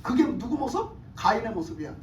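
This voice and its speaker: A woman pastor preaching a sermon, emphatic and animated, putting questions to the congregation and often laughing. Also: fairly high pitch, fast, slight background noise. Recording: echoey hall from far off.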